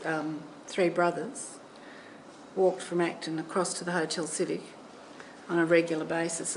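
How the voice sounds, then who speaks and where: Low-voiced woman, amused storytelling, hissy recording. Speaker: oral history interviewee. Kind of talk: anecdote.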